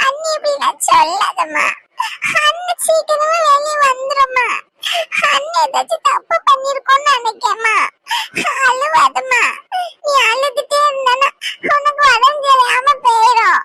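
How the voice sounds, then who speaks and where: Woman doing a crying young girl begging her mom, super high piercing voice, bit of hiss. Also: animated, a little slow, long pauses, bright, forceful tone, heavily acted, poor audio. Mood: pleading. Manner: pleading, tearful calling out. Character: tearful young daughter pleading for her sister-in-law.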